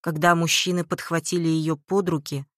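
A narrator reading a story aloud in a measured, even way. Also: mid-range voice, no room sound, clean studio sound.

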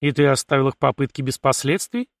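A man's voice: mid-range voice, fairly quick, no echo, studio quality, close to an everyday voice. A man voicing a blunt, brash young male ship captain in an audiobook, with curt, scornful, commanding speech. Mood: wry.

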